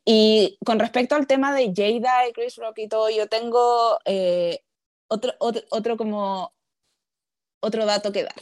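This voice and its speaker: A woman's voice: fairly high pitch, steady tone, a little slow, darkish tone, no echo, studio quality. A young woman with a Chilean accent chatting casually, hesitant and repeating words. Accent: Chilean Spanish. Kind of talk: casual chat.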